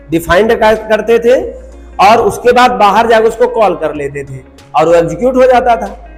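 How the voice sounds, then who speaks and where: A man's voice: sits high, long reverb tail, low-quality recording. A man teaching a recorded programming lecture, repeating points and asking rhetorical questions while he mixes English terms into his talk.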